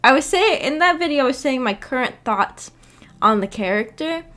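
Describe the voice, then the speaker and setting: This woman has a high, a bit bright voice with lively intonation and normal speed. As a streamer running a visual novel book club, she chats casually and reacts to viewer comments, giggling and hesitating as she looks for the right words.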